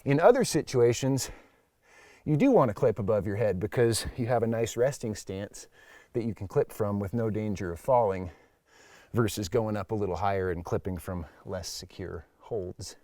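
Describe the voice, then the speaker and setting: A man's voice: fairly low pitch, expressive, moderate pace, mellow, no echo, clean studio sound. A man teaching as an instructor during a hands-on demonstration, explaining things in a plain-spoken way. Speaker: climbing instructor. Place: at a climbing wall or crag, speaking while climbing.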